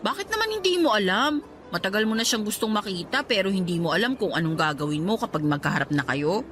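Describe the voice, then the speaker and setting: In a radio drama, an actress plays a bubbly, teasing young Filipina friend with a playful, expressive Filipino accent. Her mid-range female voice comes fast, probing yet reassuring, over faint background music.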